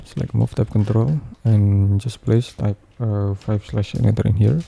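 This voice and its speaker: A man narrating an unscripted step-by-step software tutorial, speaking in halting, repetitive phrases with frequent hesitations. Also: on the low side, fairly even intonation, creaky, breathy edge.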